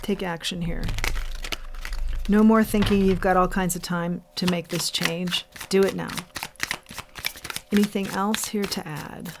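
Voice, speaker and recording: A woman giving an intuitive tarot reading as host, saying the card names slowly and repeating her advice earnestly. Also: lowish voice, steady tone, creaky, noisy background. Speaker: tarot reader.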